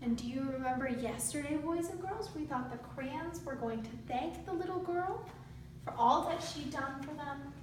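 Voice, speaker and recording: A woman with a high-pitched voice, speaking at normal speed, reads aloud to a young class as a student teacher, prompting the children with questions and simple instructions. The room is very echoey, the mic distant, and there's faint noise.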